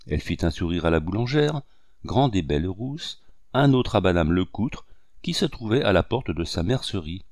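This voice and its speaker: A man narrating a novel aloud in an expressive, measured literary reading style. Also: sits low, dry recording, clean studio sound. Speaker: audiobook narrator.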